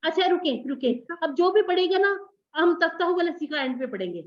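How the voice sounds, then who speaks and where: A woman teaching a Quranic Arabic class online, patient and gently correcting her students. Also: very high-pitched, lively intonation, moderate pace, muffled recording.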